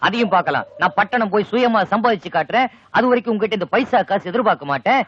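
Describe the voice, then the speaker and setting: A man's voice: sits high, animated, breathy edge. A cheeky young village man. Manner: sarcastic, quick comic retorts. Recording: muffled old film soundtrack with music.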